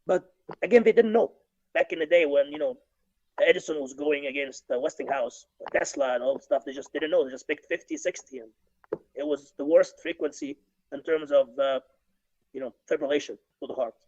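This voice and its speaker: A guest engineer from Egypt explains technical points in a webinar discussion, calling in on video from his home office. His fairly high, slightly mellow voice runs a little fast, with frequent restarts and fillers. The call audio is dull and lo-fi.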